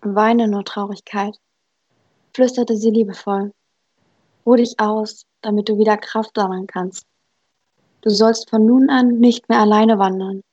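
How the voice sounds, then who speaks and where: Woman reading as kind little old woman Hope, gentle, comforting, husky voice, dry dull recording. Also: medium pitch, fairly even intonation, unhurried, long pauses, no room sound. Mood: tender. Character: small, kindly old woman who is Hope. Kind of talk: story reading.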